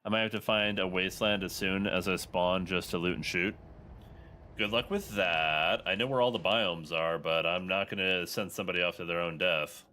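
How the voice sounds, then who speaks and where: Low-voiced man chatting through a game stream. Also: steady tone, moderate pace, pushed and bright, slight background noise. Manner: informal, chatty, thinking aloud. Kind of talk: casual livestream gameplay commentary, talking to chat.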